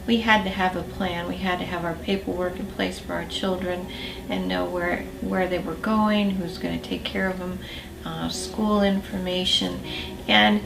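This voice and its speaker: Woman, air force veteran, gravelly voice, distant echoey room, noisy background. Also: fairly low pitch, fairly even intonation, normal speed. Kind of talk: interview testimony.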